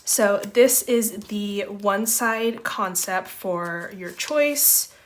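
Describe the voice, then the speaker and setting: Her voice is medium-pitched and very slow, slightly congested because she's recovering from laryngitis. The young woman, a photocard-collecting vlogger, chats and rambles while sorting photocards, often saying "um" and "like."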